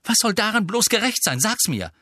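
A man's voice: medium pitch, animated, fairly quick, a bit bright, breathy edge, no room sound, clean studio sound. A man reading aloud, voicing an indignant, hot-tempered teenage boy. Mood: bitter. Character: angry teenage boy wizard.

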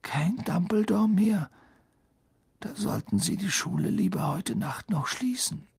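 A man reading an audiobook, voicing a worried teenage boy who speaks hoarsely. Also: high voice, unhurried, darkish tone, pitched above the performer's own voice, exaggerated voice. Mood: hushed.

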